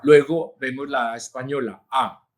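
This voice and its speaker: A man, a linguist answering interview questions in a measured, teacherly way, with frequent hesitations. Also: medium pitch. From Colombia. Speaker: linguist and journalist, interview guest.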